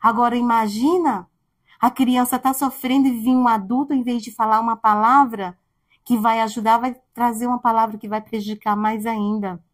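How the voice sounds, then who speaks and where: A woman preaching a heartfelt sermon in a conversational way, growing soft and quiet at tender points. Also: fairly high pitch, fairly even intonation, moderate pace. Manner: heartfelt, conversational, speaks softly at tender moments. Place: church.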